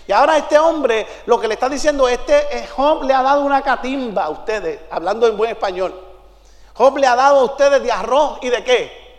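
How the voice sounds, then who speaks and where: A man preaching a lively sermon, telling stories and at times shouting praise. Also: very high-pitched, moderate pace. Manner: storytelling, swings into shouts and song. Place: church. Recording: long reverb of a church hall.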